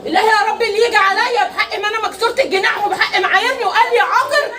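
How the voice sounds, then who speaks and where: Older woman, Egyptian Arabic accent, very high-pitched, fast, quarrelsome street rant, noisy crowd behind. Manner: quarrelsome, ranting, laughing bitterly between complaints. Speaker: landlady in a street dispute. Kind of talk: heated street argument. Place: outdoors on a street.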